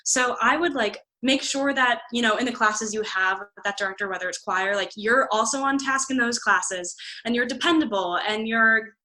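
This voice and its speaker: A woman with a bright, forward voice chats about auditions in an easy, upbeat manner. She fills her sentences with "like" and sits a bit high in pitch. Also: moderate pace, hardly any pauses. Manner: chatty, upbeat, lots of "like". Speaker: drama instructor. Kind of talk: casual advice chat.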